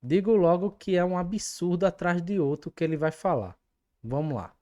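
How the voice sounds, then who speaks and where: A woman's voice: on the low side, moderate pace, dark tone, lo-fi sound. A woman hosting a fan channel, commenting emphatically and with indignation, speaking straight to her viewers. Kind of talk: opinionated commentary vlog.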